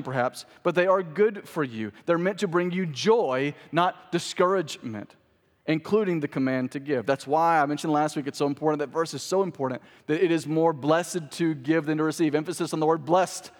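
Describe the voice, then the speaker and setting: A male pastor preaching a sermon to his congregation in a church sanctuary, talking conversationally and then building up to emphatic peaks. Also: a little high. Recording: long reverb of a church hall.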